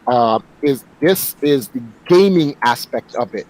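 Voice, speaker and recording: A man's voice: mid-range voice, lively intonation, unhurried, a little mellow, poor audio. A man in his forties, a guest on a casual online panel, talking emphatically and often repeating words as he starts a thought. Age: 40s.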